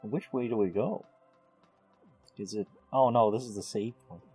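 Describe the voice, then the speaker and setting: A man's voice: lowish voice, moderate pace, darkish tone, husky, faint music behind. A man hosting a video game playthrough with casual, offhand and wry commentary. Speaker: host playing and commenting on a game.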